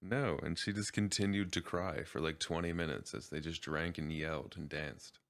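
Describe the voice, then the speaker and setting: A man's voice: low-pitched, fairly even intonation, normal speed. A laid-back man co-hosting a podcast in casual chat, laughing often. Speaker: podcast co-host.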